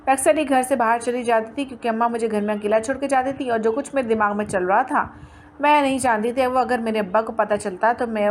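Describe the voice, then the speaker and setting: Higher-voiced woman narrating a story. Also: a little hiss or hum. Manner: plain, steady reading with small restarts. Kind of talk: first-person story narration.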